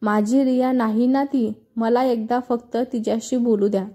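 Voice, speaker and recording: A woman's voice: on the high side, fairly even intonation, moderate pace, mellow, natural voice. A woman voicing a heartbroken young man who pleads and refuses to believe his bride has wed another, in a storybook reading. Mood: pleading. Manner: pleading, bewildered.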